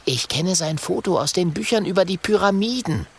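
A man's voice: sits high, expressive, normal speed, husky, voice pushed up, exaggerated voice. Man doing an earnest young dragon bookworm. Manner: earnest, eager explaining. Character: young bookish male dragon, earnest and eager.

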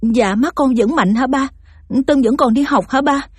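A woman's voice: high voice, normal speed, breathy edge, no echo, studio quality. A woman playing a humble poor young mother. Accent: Southern Vietnamese. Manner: humble, polite, pleading.

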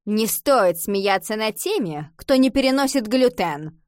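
A woman's voice: fairly high pitch, sing-song, unhurried, darkish tone, dry recording, studio quality. A woman reading the part of a vain, easily offended mother who gushes over a child and bristles about her age. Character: woman playing touchy vain mother Gundula.

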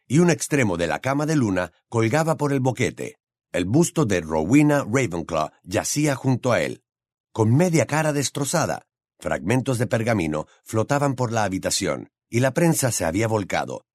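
Expressive male audiobook narrator. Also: on the low side, dry recording, clean studio sound. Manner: expressive, dramatic reading.

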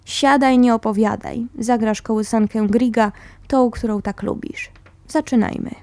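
A woman's voice: on the high side, steady tone, a little slow, mellow, dry recording. A woman reading the quoted lines of a dignified, firm older woman who teaches music, in a commanding yet affectionate way.

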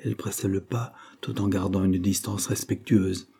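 A man narrating a classic novel as an audiobook, reading in a steady, measured way. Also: low voice, gravelly, breathy edge.

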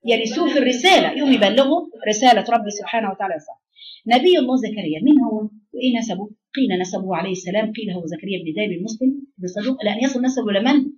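A woman's voice: fairly high pitch, racing. A woman with an Egyptian accent giving a religious lesson, asking her listeners questions and answering them herself. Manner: animated, asks the class questions and answers them. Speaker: religious teacher. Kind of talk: Quran lesson in Egyptian colloquial. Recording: dull lo-fi recording.

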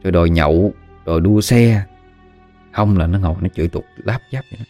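A man's voice: sits low, brisk, dark tone. A man with a Southern Vietnamese accent narrating a ghost story in a conversational way with dramatic asides. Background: faint music.

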